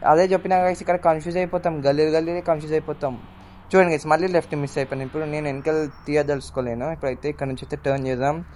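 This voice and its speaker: A man's voice: a little high, steady tone, rapid-fire, darkish tone, slight background noise. A young man gives casual gameplay commentary, chatting with his viewers and calling out to people in the game. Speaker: gaming YouTuber.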